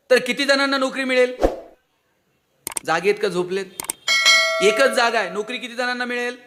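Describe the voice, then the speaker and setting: A man's voice: high-pitched, background noise. A man giving a motivational speech to students, full of rhetorical questions to the audience. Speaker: motivational speaker.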